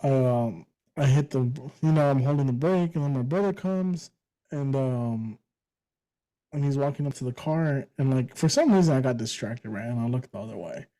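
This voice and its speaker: A man's voice: mid-range voice, normal speed, low-quality recording. Laughing young man telling stories. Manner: laughs often while telling stories, animated. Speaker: podcast co-host. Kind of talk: casual podcast chat and storytelling.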